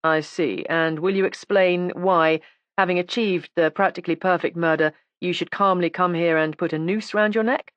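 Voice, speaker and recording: A woman's voice: on the low side, fairly even intonation, normal speed, dry recording, dull audio, close to an everyday voice. A woman reading an audiobook, voicing a stern male police inspector who speaks in a cool, clipped, ironic way. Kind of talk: audiobook character voice.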